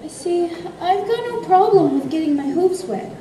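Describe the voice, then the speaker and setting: Lady acting as a sheepish scared pony, high mellow voice, halting, echoey stage play. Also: animated, far from the mic. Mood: nervous. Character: nervous, apologetic female cartoon pony afraid of going underwater. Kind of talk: live amateur stage skit. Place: on stage in a convention ballroom. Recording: echoey ballroom stage from afar, faint noise.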